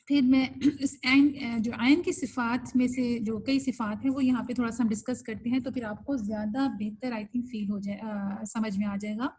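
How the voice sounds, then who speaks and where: A woman with a higher, somewhat husky voice leads an online class. She speaks patiently and step by step, dropping English words into her explanations. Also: steady tone, hardly any pauses, a little mellow, low-quality recording. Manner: patient, explanatory, mixes English terms into Urdu. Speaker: Quran recitation teacher.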